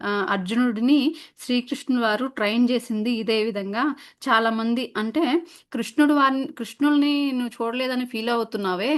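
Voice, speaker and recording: A woman voicing a wise, gentle spiritual mother figure who speaks in a calm, reassuring way. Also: on the high side, natural voice.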